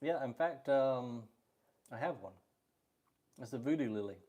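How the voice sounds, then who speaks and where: Casting: middle-aged male co-host, easygoing, rambling, relaxed live-stream banter. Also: mid-range voice, unhurried. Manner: easygoing, rambling, laughs often. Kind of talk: casual live-stream chat.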